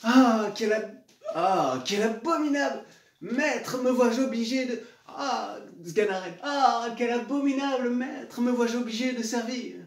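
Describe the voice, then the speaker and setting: An exasperated comic manservant played by a man exclaims in a high voice in a classical stage comedy. He is hammy and scolding, heard at a distance in an echoey room. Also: measured pace, creaky, heavily acted. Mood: despairing. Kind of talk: classical French comedy theatre. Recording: echoey room, far from mic.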